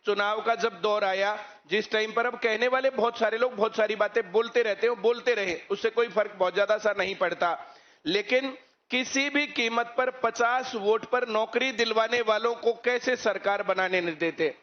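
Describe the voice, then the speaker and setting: In a muffled, lo-fi recording, a man who teaches at a coaching class speaks to students about current affairs, constantly throwing out rhetorical questions. He sounds high-pitched and talks at a moderate pace.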